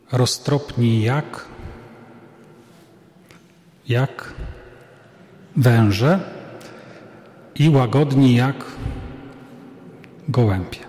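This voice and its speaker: A man, a priest, giving an unhurried, conversational sermon-like talk with casual asides. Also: mid-range voice, dark tone. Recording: echoey hall.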